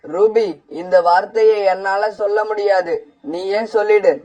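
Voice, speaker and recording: A man's voice: high voice, steady tone, measured pace, a little mellow, highs cut off. A man voicing a cold, unfaithful father sparrow who talks in a curt, dismissive way in a cartoon. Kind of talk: cartoon voice acting.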